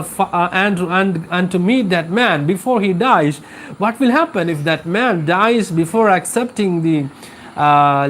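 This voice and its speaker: A man plays an anxious old priest who blames himself. The voice sits a little high and pleads in a hurry, stumbling over its words, as if acted out in a classroom reading. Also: a little hiss or hum. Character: distraught old male priest, anxious and self-reproaching.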